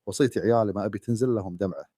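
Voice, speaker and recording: A man reading the lines of a patient, long-suffering young wife, softly and pleadingly. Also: fairly low pitch, rapid-fire, no echo, studio quality, close to an everyday voice. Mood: tender.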